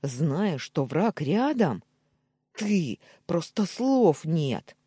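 A narrator voicing Daniil, a hot-tempered young man who bursts out and jumps up in pitch. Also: wildly swooping pitch, takes it slowly, dark tone, no room sound, studio quality, heavily acted. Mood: angry.

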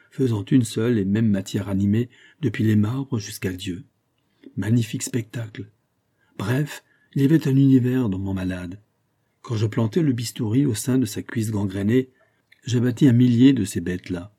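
Guy reading as a tipsy small-town surgeon, solemn and earnest, low husky voice. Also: warm tone. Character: tipsy provincial male surgeon, earnest rambling dreamer. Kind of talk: audiobook character reading.

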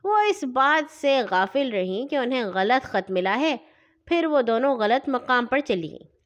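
Woman storyteller, high voice, lively swoops, children's story reading. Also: muffled recording.

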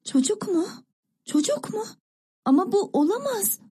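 A woman's voice: high-pitched, animated, moderate pace, warm tone, pitched above the performer's own voice. A woman voicing an impatient little girl who asks breathless, eager questions. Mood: shocked. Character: excitable little girl, younger sister, impatient.

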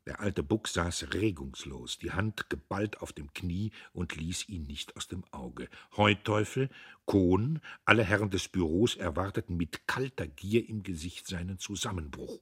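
A man reading a novel aloud in a dramatic, expressive narration. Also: deep voice, husky. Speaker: audiobook reader. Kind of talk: literary audiobook narration.

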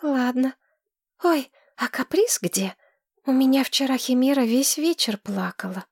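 Женщина изображает восторженную юную подругу. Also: female voice, high-pitched, expressive, measured pace, breathy edge, dry recording, clean studio sound, pitched above the performer's own voice, exaggerated voice. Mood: playful. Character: bubbly lovestruck young woman friend.

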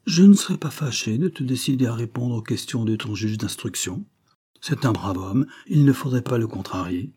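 Homme jouant un agent de police ironique. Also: male voice, mid-range voice, animated, moderate pace, warm tone, slightly rough. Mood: reasoning. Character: worldly ironic male police agent, blunt.

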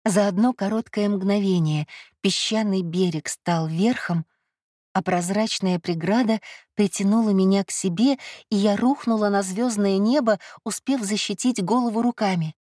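A woman narrating a first-person fantasy audiobook in a measured, softly dramatic reading. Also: medium pitch, dry recording, studio quality.

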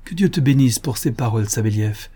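A man voicing a tearful, pleading young woman in an audiobook, reading her lines softly. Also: medium pitch, lively intonation, fairly quick, breathy edge. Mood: sorrowful.

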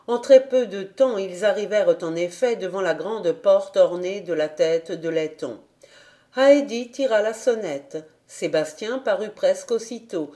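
A woman reading a children's novel aloud as an audiobook, in an expressive, measured way. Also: mid-range voice. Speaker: audiobook reader. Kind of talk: storybook narration.

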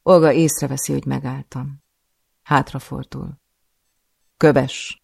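A man narrating an audiobook in a measured, somber first-person reading. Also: mid-range voice, level tone, creaky, darkish tone, no echo, clean studio sound.

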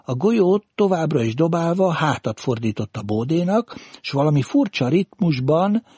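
Mellow, husky male audiobook narrator. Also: a little high, big pitch swings, no echo.

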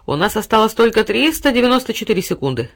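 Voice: medium pitch, very animated, fast talker, a bit bright, pitched above the performer's own voice. A storyteller voicing Time, a stern and impatient old man who speaks brusquely and gives commands.

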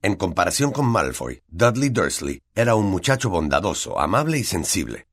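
Expressive Latin American Spanish male narrator. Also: low-pitched, moderate pace. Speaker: audiobook narrator. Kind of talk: scripted narration.

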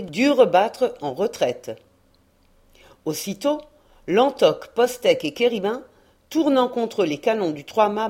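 A woman narrating a historical adventure novel in a measured, expressive reading voice. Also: mid-range voice. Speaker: audiobook reader. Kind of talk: scripted narration.

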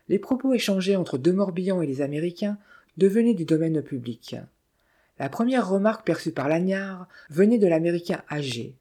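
A narrator reading a classic adventure novel aloud in a measured, steady way. The voice is dark and mellow, with a middling pitch. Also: breathy edge. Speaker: audiobook narrator. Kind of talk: scripted literary narration.

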